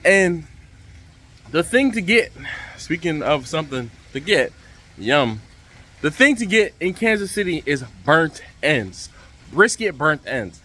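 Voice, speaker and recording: A man hosting a casual vlog to camera, speaking outdoors over the rushing water of a waterfall by a pool. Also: fairly high pitch, big pitch swings, sharp tone. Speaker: vlog host.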